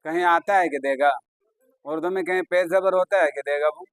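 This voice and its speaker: High-voiced chatty Urdu teacher, dry sound. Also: male voice, moderate pace, no room sound. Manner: chatty, coaxing, praises students. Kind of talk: classroom lesson.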